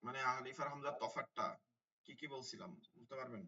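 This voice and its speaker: A man's voice: mid-range voice, a little fast, pushed and bright, far from the mic, dull audio. A man teaching an online tajweed class, repeating key terms and asking his students questions. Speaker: Quran teacher.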